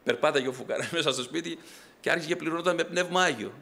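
A middle-aged man preaching a fervent Pentecostal sermon, swinging from loud exhortation to quiet storytelling. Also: a little high, vocal fry. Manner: fervent preaching, rising loud then dropping to soft storytelling. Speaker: pastor.

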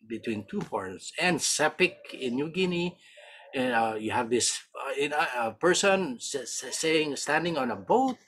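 A Filipino man with a Filipino accent giving an archaeology lecture over slides on a video call, halting often, correcting himself and checking in with "right?". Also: medium pitch, a bit bright. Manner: halting, many self-corrections and tag "right?".

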